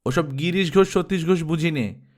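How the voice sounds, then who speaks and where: Give me a sharp, scolding old aunt from a village, put on by a male narrator. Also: on the high side, sing-song, moderate pace.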